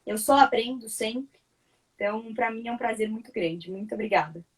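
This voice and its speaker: A woman speaks reflectively on an online panel and keeps posing rhetorical questions. Her voice sits a little high. She sounds distant from the microphone, as if seated back from her laptop. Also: normal speed, breathy edge. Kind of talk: casual online panel talk.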